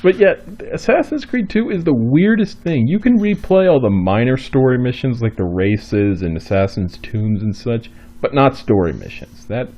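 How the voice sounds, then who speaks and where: A man's voice: mid-range voice, big pitch swings, normal speed, highs cut off. A man giving casual let's play commentary, rambling and cursing casually.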